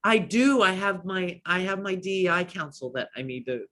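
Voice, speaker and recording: A man's voice: high voice, moderate pace, pushed and bright. A man guesting on a podcast, talking casually and enthusiastically, with many "like"s and restarts. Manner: enthusiastic, rambling, lots of "like".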